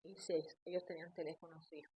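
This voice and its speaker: A woman from Cuba with a Cuban accent, confiding a personal story in a casual vlog, often dropping her voice low. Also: flat delivery, fast, husky. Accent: Cuban Spanish. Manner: intimate, confiding, drifting quieter. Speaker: vlogger.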